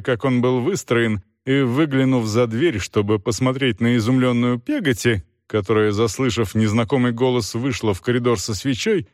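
A male audiobook narrator with a mid-pitched voice and a lively, wide-ranging melody. He tells the story in a measured, expressive way. The sound is close and dry, with no room echo.

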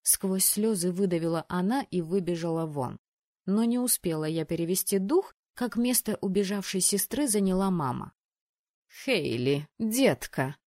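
A woman reading a first-person novel aloud in an expressive, measured way. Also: fairly low pitch, no room sound, studio quality. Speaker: audiobook reader.

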